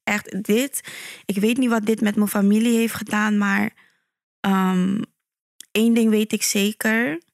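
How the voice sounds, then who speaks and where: A calm woman speaking as a podcast guest, her voice even and flat with little melody. She tells her story in a measured way, often pausing on fillers. The sound is dry and close to the mic. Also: medium pitch, vocal fry, no room sound. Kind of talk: conversational podcast interview.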